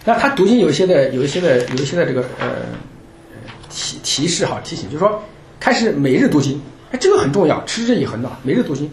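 Brief: fast, jokey Bible class leader, lively delivery, echoey room. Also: medium pitch, a little hiss or hum. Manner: chatty, joking, laughs often, many restarts. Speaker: Bible study teacher. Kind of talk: informal Bible class talk. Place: church meeting room with a group. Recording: roomy room echo.

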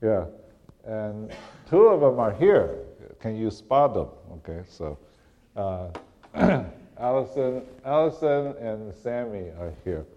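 A middle-aged man from Taiwan, preaching a sermon as a guest preacher. He speaks haltingly, restarts often and clears his throat now and then. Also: lowish voice, very animated, dull audio.

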